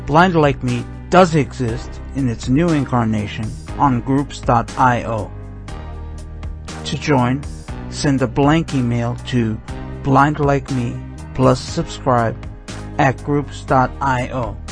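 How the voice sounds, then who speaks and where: A man reading a scripted announcement in a slow, deliberate way. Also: mid-range voice, faint music behind.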